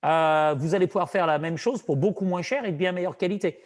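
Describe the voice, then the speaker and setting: A man's voice: sits high, brisk. Earnest man with a Saint-Étienne French accent. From France. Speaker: business broker. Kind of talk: casual conversation.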